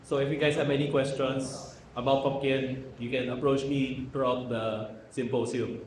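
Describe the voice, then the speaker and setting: A Hokkien language instructor from the Philippines speaks at normal speed in a mid-range voice with little pitch movement, with slight background noise. He gives a relaxed workshop lecture to a live crowd in a large echoey room, code-switching with Tagalog fillers and asking the room questions.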